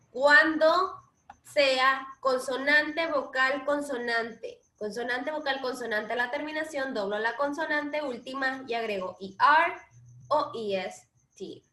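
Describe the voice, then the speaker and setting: A high, bright-voiced woman teaching a grammar lesson in a classroom. She speaks slowly, stretching each example word and pausing to check the class keeps up. The sound rings with noticeable room echo. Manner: slow, drawn-out English examples, frequent checks with the class. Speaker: English teacher.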